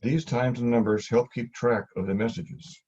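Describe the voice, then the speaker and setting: A male instructor reads prepared teaching material in a mellow, husky, medium-pitched voice. His delivery is plain, measured, instructive, and straightforward, and the scripted narration is captured on dull, lo-fi audio.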